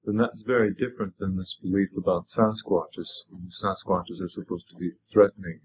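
A man's voice: deep voice, steady tone. Male interviewer on old worn tape, muffled, faint hiss. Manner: halting, restarting questions. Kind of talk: casual interview questions.

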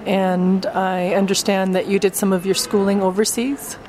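A woman's voice: mid-range voice, flat delivery, normal speed, a little mellow, soft background music. A woman hosting an interview, introducing and questioning a guest in a casual, rambling way with fillers.

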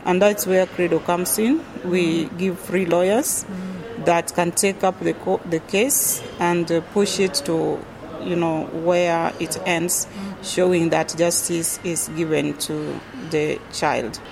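A middle-aged Kenyan woman with a Kenyan accent, answering interview questions thoughtfully as a university lecturer, with many pauses and fillers. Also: lowish voice, fairly even intonation, creaky, crowd noise, rough recording.

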